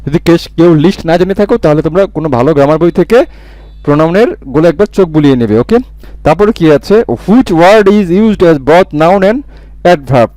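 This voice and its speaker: A man's voice: on the high side, lively intonation, moderate pace, mellow, dry recording. A man teaching an exam-prep English grammar lesson, repeating key words and asking and answering his own questions. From Bangladesh.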